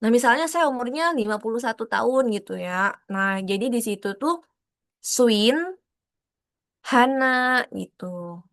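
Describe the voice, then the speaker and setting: A woman explaining a lesson in an online class over a video call, repeating examples and filling pauses as she goes. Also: a little high, expressive, fairly bright tone, no room sound. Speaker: Korean language teacher.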